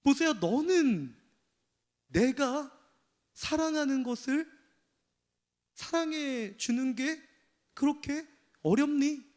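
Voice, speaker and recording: A pastor voicing God, gentle and loving. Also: male voice, very high-pitched, expressive, slow, pauses often, pitched above the performer's own voice, exaggerated voice. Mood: tender pleading. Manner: tender pleading questions. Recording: long church hall reverb.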